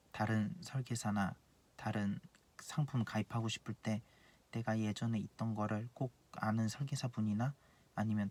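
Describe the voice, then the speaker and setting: A man's voice: fairly low pitch, a little mellow, husky. A man in his late twenties, an insurance planner, giving blunt, earnest advice in a casual monologue and repeating his key points. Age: 20s.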